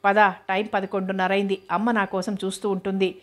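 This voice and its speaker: A woman's voice: mid-range voice, little pitch movement, brisk, close to an everyday voice. A woman reading a shy but stubborn young woman. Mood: wary. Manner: demure but sharp-tongued. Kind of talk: audiobook character reading.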